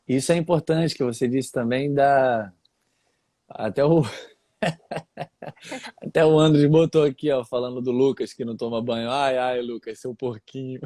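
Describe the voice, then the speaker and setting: A man hosting a casual live-stream chat and answering his guest in a relaxed way. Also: medium pitch, no echo, clean studio sound. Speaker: host.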